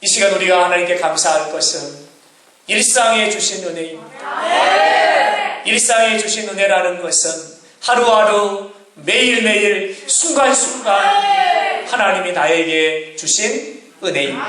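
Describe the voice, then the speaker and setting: A man preaching a sermon as pastor, often shouting and drawing out his words. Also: high voice, expressive, a little slow, a loud crowd, heavy background noise. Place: church sanctuary. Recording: echoey church hall from far off. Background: congregation.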